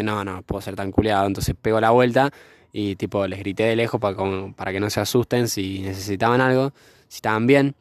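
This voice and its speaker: A young man telling a story in a casual chat, slangy and animated, outdoors by a fire. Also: medium pitch, no echo, clean studio sound.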